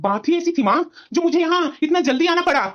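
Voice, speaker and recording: Woman acting a young husband, angry, accusing, cartoon story, very high voice, fast. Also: expressive, dull audio. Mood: stern. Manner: shouting, scornful.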